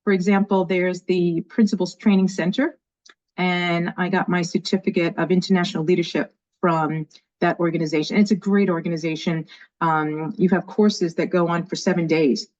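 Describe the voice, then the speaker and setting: A woman in her fifties from New York, an education leader with a light New York accent, chats enthusiastically as a guest in a casual interview. Her voice is fairly low and darkish, with fairly even intonation at a moderate pace, over dull lo-fi call audio.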